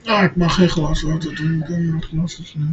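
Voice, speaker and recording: A man chatting casually while gaming, switching between Dutch and English in quick asides. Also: on the high side, flat delivery, highs cut off, a little hiss or hum.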